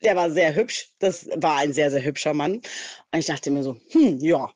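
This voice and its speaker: A woman's voice: deep voice, normal speed, dry recording. Chatty woman telling a story, dry sound. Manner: chatty, animated, mixes in English slang. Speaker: listener telling her story. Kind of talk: casual storytelling.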